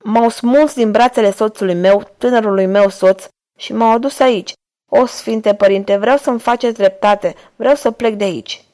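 Woman reader doing a young abducted woman in an audiobook, high and emotional, pleading. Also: dark tone, natural voice.

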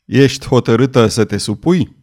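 A brutal nobleman villain, acted by a male narrator, his thick, hoarse voice dropped low. He is cold and commanding and gives short, menacing orders. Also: a little mellow, natural voice.

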